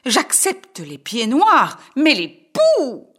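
A man voicing a harsh, scolding mother in a storybook reading, shrill and theatrical. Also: wildly swooping pitch, very slow, a bit bright, slightly rough, exaggerated voice.

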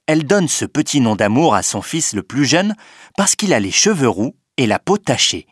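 A man reading a children's story aloud in an expressive, unhurried way. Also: mid-range voice, breathy edge, no room sound, clean studio sound. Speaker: narrator.

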